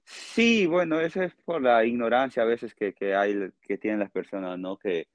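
Speaking with a Peruvian accent, this interview guest responds to questions over a remote call, stumbling a bit as he explains and regularly tacking on short tag questions. His pitch is medium, and no room sound comes through.

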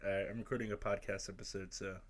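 A man's voice: sits low, little pitch movement, quick pace. A young man hosting a podcast, chatting casually with friends, teasing, swearing and laughing often. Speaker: podcast host.

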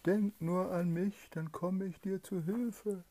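A woman voicing a sly, wheedling evil male spirit in a bedtime fairy tale, in a high, drawn-out coaxing voice. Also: fairly even intonation, mellow.

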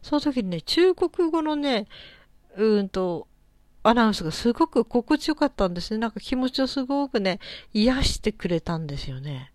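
A middle-aged woman hosting a casual solo talk show, musing gently and thinking aloud with many soft fillers. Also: on the high side, big pitch swings, normal speed, no echo. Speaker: solo podcast host.

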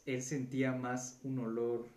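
A man's voice: medium pitch, little pitch movement, unhurried, a little mellow. A man telling a story in casual, rambling chat, full of slang and filler words. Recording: roomy echo with faint background noise.

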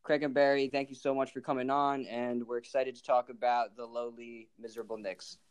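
A man's voice: mid-range voice, flat delivery, brisk, clean tone. A young man in his twenties hosting a casual podcast and greeting his guests in a friendly, upbeat way. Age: 20s. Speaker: podcast host.

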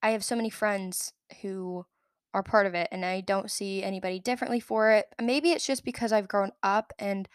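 A young woman talks through a story on her own podcast in a loose, chatty way, often stopping to correct herself. Her voice sits in a middle pitch. The recording is close and dry, with no room sound. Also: fairly even intonation, normal speed, clear, resonant tone, no room sound. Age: young adult. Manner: chatty, rambling, self-correcting. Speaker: podcast host. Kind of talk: casual solo podcast storytelling.

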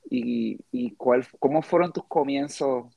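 A man's voice: mid-range voice, takes it slowly, vocal fry, mellow, slight background noise. A man hosting a casual podcast interview, chatty and rambling with frequent restarts. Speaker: podcast host.

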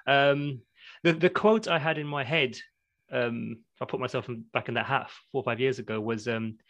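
A man in his thirties speaks as a podcast guest at a middling pitch, reflective and discursive. He lets small laughs slip into his explanations. The sound is close and dry, with no room around it. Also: steady tone, normal speed, fairly bright tone, no echo. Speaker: podcast guest, academic in learning development. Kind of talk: conversational interview.

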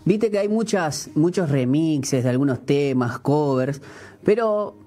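A man hosting a casual interview, halting and full of fillers. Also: fairly high pitch, animated, mellow.

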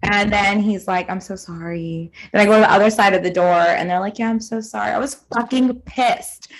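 Young woman on a podcast, chatty and expressive, swears a lot, acts out everyone in her stories. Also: mid-range voice, brisk, poor audio. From Southern California. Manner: animated storytelling, profane, lots of quoted dialogue. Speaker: podcast co-host. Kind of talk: casual chat.

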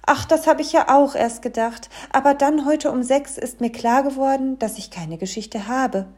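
A woman doing a shy, wide-eyed little fairy tale from a storybook, her speech high and eager. The voice is soft and mellow with a slightly husky edge, and it rises and falls a great deal. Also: normal speed. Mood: wondering. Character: shy curious young fairy tale, girlish. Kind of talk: storybook reading.

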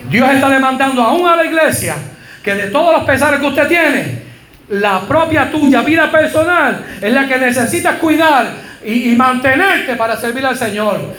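A man preaching a fervent sermon as pastor, telling stories of congregants and building up to shouts. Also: very high voice, expressive, moderate pace, reverberant, poor audio. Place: church.

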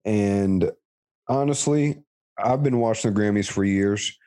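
A man's voice: lowish voice, unhurried, warm tone. A man co-hosting a podcast in casual chat, reasoning aloud at length in a competitive way. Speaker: podcast co-host. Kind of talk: casual award-picks chat.

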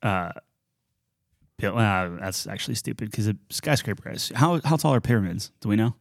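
A man's voice: on the low side, animated, moderate pace, gravelly, no room sound, studio quality. A man co-hosting a podcast, joking and riffing loosely in casual chat. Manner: loose, joking, riffs and banter. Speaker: podcast co-host.

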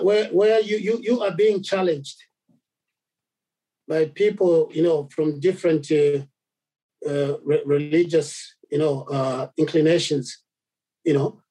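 Halting Zambian man preaching. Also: fairly high pitch, mellow, low-quality recording. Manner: halting, many repeated words and fillers. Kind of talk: sermon.

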